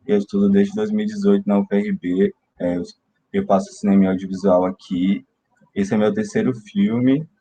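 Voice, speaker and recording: Young guy on a video call, low dark voice, laid back, faint noise behind. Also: moderate pace, rough recording. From Salvador, Bahia, Brazil. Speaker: filmmaker and film student. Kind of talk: casual panel introduction.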